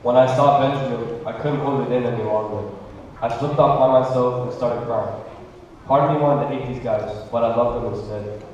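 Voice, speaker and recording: A man plays a sincere brother telling his family story plainly, like a stage skit. The voice sits at an ordinary pitch. It is caught from far off in a big, ringing hall with a slightly dull sound. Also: fairly even intonation, moderate pace, darkish tone, slight background noise, natural voice. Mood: earnest. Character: man retelling his life, forgiving his brothers. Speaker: skit actor. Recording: echoey hall, distant mic.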